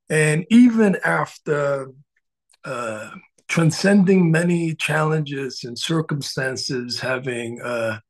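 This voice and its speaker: A middle-aged man from the Dominican Republic, a spiritual coach speaking earnestly to a live audience with frequent filler sounds. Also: mid-range voice.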